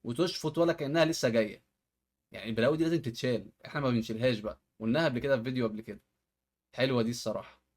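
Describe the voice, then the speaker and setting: A man's voice: medium pitch, a little mellow. A man from Egypt with an Egyptian accent, reacting to home-hack videos in casual commentary and often exclaiming at the tricks. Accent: Egyptian Arabic.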